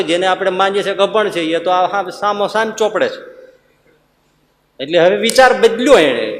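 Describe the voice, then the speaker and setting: Swami, animated storytelling sermon, fairly high voice, long hall reverb. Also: male voice, slight background noise. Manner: animated, acts out villagers' voices, chuckles. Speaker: swami giving a discourse.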